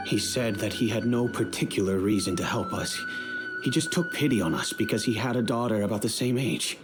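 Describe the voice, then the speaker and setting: With a fairly low voice that swings hugely in pitch, an actor portrays the grave middle-aged father at the head of a noble family. He speaks in measured, solemn storytelling tones over game music.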